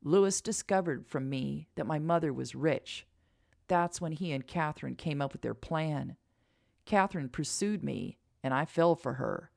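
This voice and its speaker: A woman voicing a calm, protective young man who speaks gently and steadily in a storybook reading. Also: low-pitched, normal speed, gravelly. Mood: serious.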